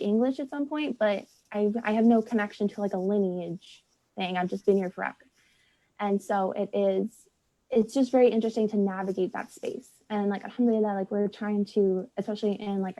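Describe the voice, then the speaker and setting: Appearing as a guest in a casual conversation, a young woman from the United States is talkative, says "like" constantly, and acts out what people said. She has a warm, mid-range voice, captured in dull-sounding audio.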